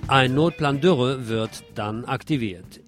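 A male news presenter reads scripted reports slowly, with an emphatic, slightly wry delivery. His pitch is average for a man, and music featuring drums and guitar is clearly audible behind him.

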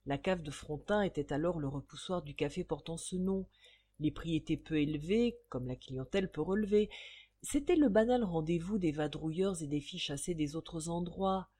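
A woman reading a short story aloud in an expressive storytelling manner, relishing old street slang. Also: low-pitched, normal speed, husky. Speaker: narrator.

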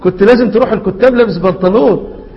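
A man's voice: sits high, racing. A man with an Egyptian accent teaching a recitation lesson, often asking his students rhetorical questions and repeating key words. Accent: Egyptian Arabic. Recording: lo-fi recording in a reverberant hall.

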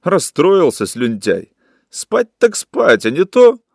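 A man voicing a coarse, scornful young woman who scolds and mocks in a raised, shrill voice. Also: wildly swooping pitch, takes it slowly, gravelly, dry recording, clean studio sound, full character voice. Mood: contemptuous, scolding.

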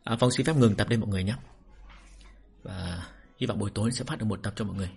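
A man speaks casually to his listeners in a relaxed, chatty way, a little defensive. His voice is husky and breathy. Faint music sits in the background. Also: fairly low pitch, rapid-fire. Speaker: channel host.

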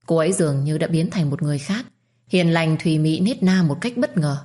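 A woman narrating a story in a calm, steady reading voice. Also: deep voice, fairly quick.

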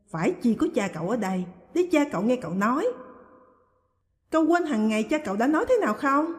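A woman voicing a stern older mother who scolds her grown son in shrill, rapid tirades. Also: lightly acted. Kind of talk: audiobook reading. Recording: long hall reverb.

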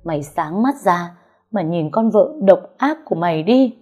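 A woman's voice: lowish voice, animated, moderate pace, darkish tone, faint music behind. A woman voicing a harsh, scolding middle-aged mother-in-law in an audio story. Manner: scolding and commanding.

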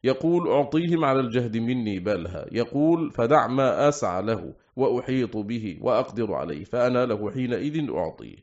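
A man reading a classical Arabic book aloud as an audiobook, slowing down to recite quoted verses and phrases. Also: medium pitch, expressive, darkish tone. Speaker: audiobook reader. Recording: slightly dull, lo-fi recording.

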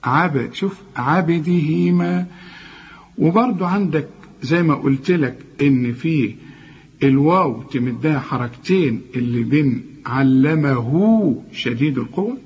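A man with an Egyptian accent teaching Quran recitation rules, drawing out example words slowly, correcting and repeating them. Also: mid-range voice, animated, a little mellow, breathy edge. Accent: Egyptian Arabic. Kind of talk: tajweed lesson with recited examples. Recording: muffled lo-fi recording.

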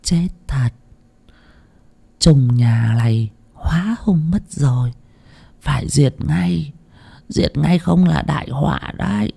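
A man's voice: on the high side, takes it slowly, creaky, pauses often, warm tone, breathy edge, pitched above the performer's own voice, heavily acted. A man voicing an exhausted village woman medium who speaks in a faint, breathless voice, in a spoken ghost story. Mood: grave warning.

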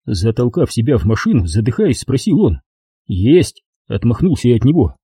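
A man's voice: mid-range voice, very animated, fast, warm tone, breathy edge, no room sound, studio quality. A man narrating a first-person crime audiobook in a wry, sardonic storytelling manner.

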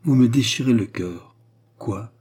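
A man's voice: medium pitch, unhurried, a little mellow, breathy edge. A man reading a proud, anguished queen of France in an audiobook, pleading with impassioned speech.

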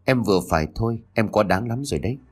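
A man's voice: lowish voice, animated, fast, husky. A man reading as a stern, protective young boyfriend.

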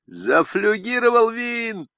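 A man reading an audiobook, voicing an excitable male convict and former pilot who shouts. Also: mid-range voice, moderate pace, dry recording, close to an everyday voice. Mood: frantic shouting.

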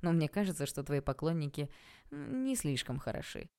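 A woman voicing a confident, teasing grown man in an audiobook, speaking calmly and self-assuredly. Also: low-pitched, normal speed, smooth.

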